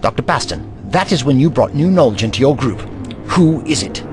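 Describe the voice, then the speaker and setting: A man playing a righteous, eccentric scientific hero in an audio drama, speaking gravely and with theatrical emphasis. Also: mid-range voice, lively intonation, a little fast, lightly acted. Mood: urgent, probing. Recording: dramatic music behind the voice.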